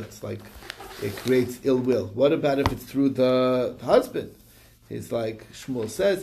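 A man's voice: mid-range voice, vocal fry, dark tone. A man casually retelling a Talmud story in quoted back-and-forth dialogue, with fillers and restarts. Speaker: Talmud study reviewer.

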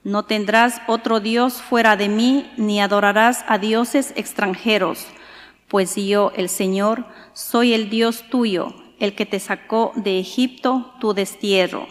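Slow, formal woman reading in an echoing church. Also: mid-range voice, steady tone. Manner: formal, measured recitation. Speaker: lector at Mass. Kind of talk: liturgical scripture and psalm reading. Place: large reverberant church. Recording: echoing church acoustics with long reverb.

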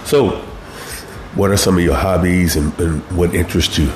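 A man with a low, magnetic voice hosting an interview show in a courteous, measured way. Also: fairly even intonation, a little mellow. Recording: roomy echo with faint noise.

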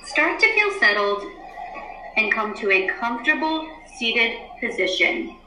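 A woman teacher leading a calm guided grounding and breathing exercise, giving soothing, unhurried instructions with long pauses. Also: a little high, slight background noise. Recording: roomy, echoey indoor sound.

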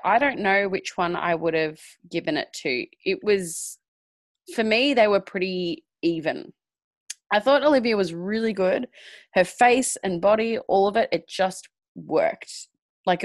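Female podcast co-host, casual chat, animated delivery, lively pitch, dry close mic. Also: no room sound. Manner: animated, laughs often, swoops up in pitch. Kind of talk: casual chat reviewing a TV competition.

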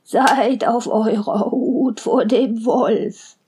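A woman voicing a caring old mother goat who gives slow, gentle warnings in a fairy tale reading. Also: on the high side, a little hiss or hum.

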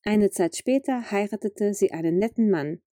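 A woman reading a fairy tale for children aloud in a calm, clear storytelling manner. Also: mid-range voice, normal speed, no echo, studio quality.

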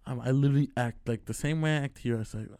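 A man's voice: mid-range voice, quick pace, mellow. A young man from Chicago, a podcast guest, rambling and laughing as he tells a story and acts out both sides of an argument. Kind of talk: casual storytelling chat.

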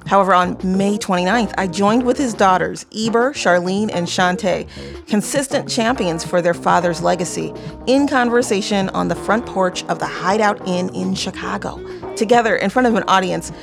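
A woman's voice: medium pitch, moderate pace, gravelly, over music. A woman hosting a podcast, narrating and then talking emotionally on stage, close to tears. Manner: emotional, near tears, warm and enthusiastic. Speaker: podcast host. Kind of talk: narration then live onstage conversation. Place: front porch event with audience.

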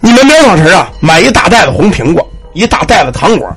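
A weary old village temple keeper, as a storyteller puts him on. He speaks gravely and slowly, in a husky, dropped voice, with faint music behind. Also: sits high, sing-song, fairly bright tone, full character voice. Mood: instructing.

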